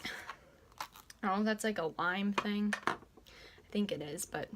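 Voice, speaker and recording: A woman's voice: medium pitch, normal speed, noisy background. Teen woman, out of breath, rambling makeup-tutorial chatter full of fillers, recorded at home. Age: late teens. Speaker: beauty vlogger. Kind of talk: casual makeup tutorial chat.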